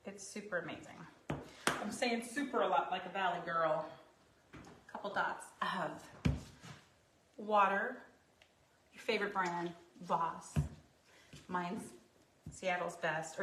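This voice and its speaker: Woman craft teacher, lowish voice, chatty and rambling, recorded from a distance in a roomy studio. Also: noisy background. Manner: chatty, rambling, jokey asides. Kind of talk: casual craft tutorial. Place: her craft studio, indoors. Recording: echoey room, mic at a distance.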